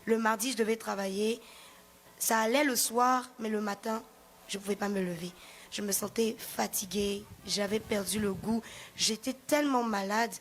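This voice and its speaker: A woman's voice: medium pitch, steady tone, moderate pace. A young woman from the congregation giving a personal testimony, telling her story plainly step by step. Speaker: church member giving testimony.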